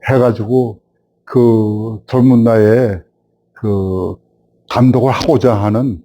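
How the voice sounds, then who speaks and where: A man in his seventies, a film director, telling a host stories from his past and growing animated as he recalls it. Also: fairly low pitch, slow. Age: 70s. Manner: animated storyteller, rising when recalling the past. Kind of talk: reminiscing storytelling.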